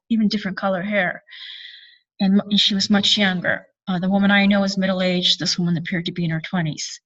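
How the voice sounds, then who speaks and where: A woman's voice: mid-range voice, fairly bright tone. A woman recounting a spiritual experience in an earnest, meandering way, often correcting herself. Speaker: spiritual channeler and speaker. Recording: distant, dull lo-fi sound.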